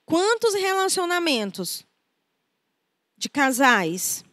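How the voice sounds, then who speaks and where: A woman's voice: very high-pitched, very animated, takes it slowly, fairly bright tone, no room sound. A woman with a Brazilian Portuguese accent preaching a conversational sermon, acting out quoted voices as she goes. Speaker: preacher and therapist.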